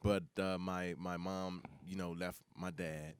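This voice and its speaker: A middle-aged man from the Bahamas, a comedian guest telling stories in an animated, chuckly way with lots of loose fillers. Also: sits low, measured pace, smooth. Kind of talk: casual interview chat.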